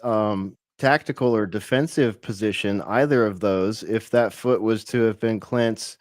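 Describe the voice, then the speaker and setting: Low-voiced man reasoning aloud, dry sound. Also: measured pace, dry recording. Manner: musing, reasoning aloud with fillers. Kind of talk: live-streamed radio talk.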